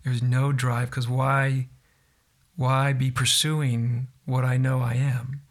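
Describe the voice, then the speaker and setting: A man recounting a personal experience in a reflective, halting, soft-spoken way, as a guest in an interview. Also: medium pitch, little pitch movement.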